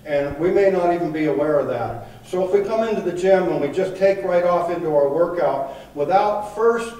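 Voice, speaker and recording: A man's voice: fairly high pitch, moderate pace, warm tone. A man in his sixties, a fitness trainer earnestly explaining a workout step by step, recorded in an indoor gym. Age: 60s. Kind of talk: instructional demonstration. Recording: very echoey gym from far off.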